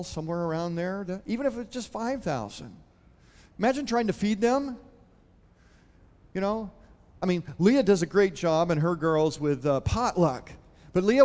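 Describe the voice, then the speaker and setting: A man preaches in a church hall, his slightly high voice trailing into a long reverb. He retells a Bible story in an easy, talky way and keeps turning to the congregation with questions. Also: darkish tone. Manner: conversational, asks the congregation questions. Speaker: pastor.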